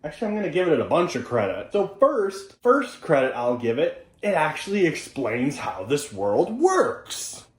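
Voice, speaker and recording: A man's voice: fairly high pitch, wildly swooping pitch, moderate pace, hardly any pauses. A man giving a casual, amused review of a dubbed cartoon, often laughing and poking fun at it. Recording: echoey room.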